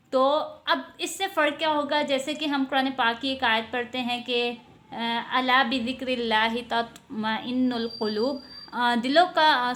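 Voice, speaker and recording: A woman gives an online tajweed lesson in a high, light voice. She speaks slowly and patiently, holding out each letter sound so students can copy it. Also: a bit bright. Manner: explains patiently, models slow drawn-out letter sounds. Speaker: Quran recitation teacher.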